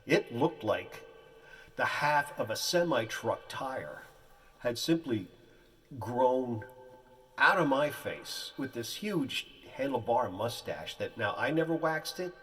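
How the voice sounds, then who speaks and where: A man telling a comic personal story in animated, colorful, folksy phrasing, heard from a distance. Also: mid-range voice, slow pace.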